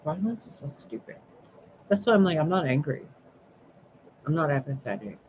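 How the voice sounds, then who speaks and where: A man's voice: fairly high pitch, sing-song, normal speed, a little mellow. A man talking to camera in a casual vlog, rambling and swearing freely as he vents about his day. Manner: rambling, profane, venting. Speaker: spiritual sign reader. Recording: dull lo-fi recording with clear background noise.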